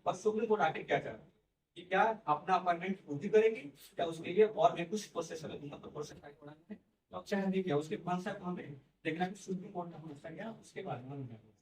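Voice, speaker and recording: A man lectures to a classroom, talking through each point step by step and checking in with his students as he goes. His voice sits high for a man. He has no microphone, so he sounds distant and the room echoes around him. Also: fast. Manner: explains step by step, repeats "theek hai" and "hai na". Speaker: teacher. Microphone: no microphone, far from the recorder.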